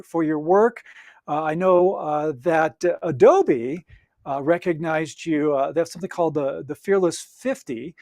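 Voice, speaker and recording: A man hosting an interview podcast, speaking haltingly with many fillers and restarts. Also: high-pitched, a little mellow, no room sound, clean studio sound. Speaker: podcast host.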